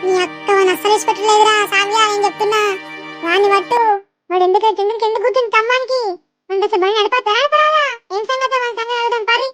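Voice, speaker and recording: A woman's voice: very high voice, steady tone, very fast, over music. A woman with a Telangana accent playing a grieving village farm mother, lamenting her lost crop in a village comedy-drama. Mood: consoling. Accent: Telangana Telugu. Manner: wailing, lamenting. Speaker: farmer's wife.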